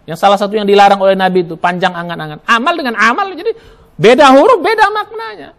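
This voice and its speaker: A man's voice: high voice, fast talker, a bit bright. A man preaching a Ramadan sermon in a mosque, emphatic, spelling out Arabic letters and sounds, asking questions and answering them himself. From Indonesia. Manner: asks and answers his own questions.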